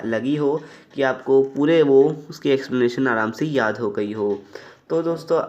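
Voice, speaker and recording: A man's voice: a little high, darkish tone. A young man explaining a Hindi poem line by line in a plain, repetitive way, often calling his viewers friends. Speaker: tutor.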